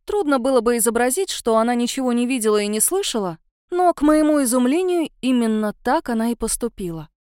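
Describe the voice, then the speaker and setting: A woman narrating a first-person story for an audiobook in an expressive, measured way. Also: a little high, clean tone, no room sound, clean studio sound.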